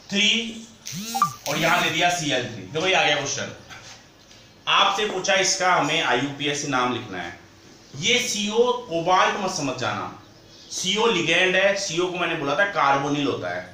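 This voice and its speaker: A man teaching a chemistry lesson, who says key terms slowly and repeats them and asks the class questions as he goes. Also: fairly high pitch, pushed and bright, far from the mic, slight background noise. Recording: echoey room, voice from off-mic.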